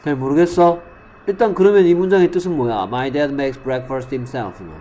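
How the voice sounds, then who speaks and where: A male English teacher in a classroom, quizzing students by name and slowly repeating English example sentences. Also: medium pitch, dark tone, slight background noise. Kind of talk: classroom lesson.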